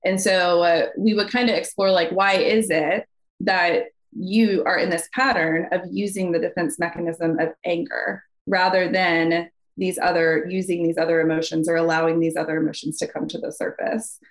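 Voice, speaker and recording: A woman mental health counselor, a podcast guest, explaining calmly and walking through worked examples. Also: fairly low pitch, normal speed. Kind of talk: podcast conversation.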